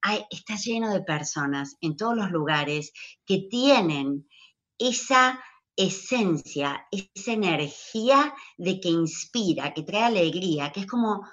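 A woman guest who leads workshops, calmly giving flowing, encouraging advice in conversation. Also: on the low side, unhurried, highs cut off. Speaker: guest speaker, workshop leader.

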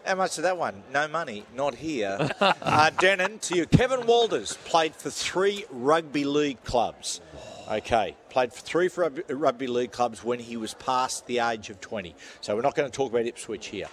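A man hosting a sports trivia quiz on radio, reading questions quickly and cracking jokes between them. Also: mid-range voice, expressive, fairly bright tone. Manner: quick, jokey, laughing asides. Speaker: quizmaster on a radio show. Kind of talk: casual radio banter.

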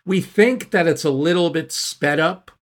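A man's voice: fairly high pitch, a little slow. A man explaining history in a casual, storytelling podcast manner, with occasional restarts. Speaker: history podcast host or guest.

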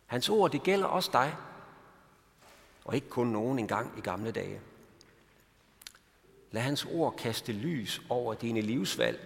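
A man preaching a sermon as pastor, earnest, reading scripture slowly and calmly. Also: medium pitch, creaky. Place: church. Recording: reverberant church hall.

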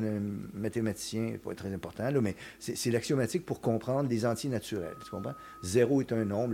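An older man appears as a podcast guest and chats casually, explaining ideas with lots of restarts and checks like "you understand?" ("tu comprends"). His medium-pitched voice is mellow, with a little hiss or hum in the recording.

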